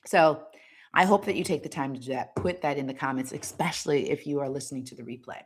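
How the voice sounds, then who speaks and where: A woman's voice: sits low, fast, a little hiss or hum. A woman hosting a motivational talk, speaking emphatically to her listeners, repeating words and tagging lines with "right?". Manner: preachy, direct address to the audience. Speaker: host.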